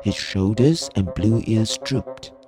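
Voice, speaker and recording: Deep-voiced woman reading a storybook. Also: slow pace. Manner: expressive, cozy storytelling. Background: music.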